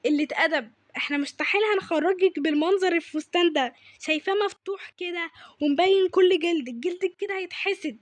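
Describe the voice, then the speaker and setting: A strict, conservative mother nags and scolds her daughter in a high, insistent Egyptian voice, as a woman acts her out. She talks loudly and firmly, pressing her point again and again. The recording is dry and close. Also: quick pace, no room sound. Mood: scolding.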